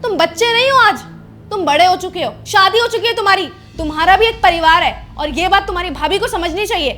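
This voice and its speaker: A woman's voice: extremely high pitch, fairly quick, pushed and bright, soft background music. A woman playing an indignant young wife who confronts her sister-in-law in a scripted family drama. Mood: scolding. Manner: confrontational, scolding.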